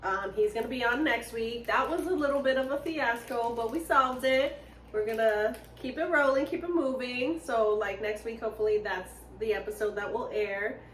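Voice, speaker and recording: A woman's voice: fairly high pitch, normal speed, a bit bright, roomy sound, far from the mic. A woman from New York with a New York accent, co-hosting a casual podcast chat, teasing and laughing often. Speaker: podcast co-host.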